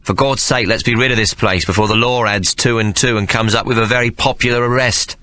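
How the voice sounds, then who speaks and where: A man's voice: medium pitch, fairly even intonation, a little fast, pushed and bright, voice pushed up, natural voice. A man voicing a cocky male thief from the streets, brash and coarse. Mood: impatient.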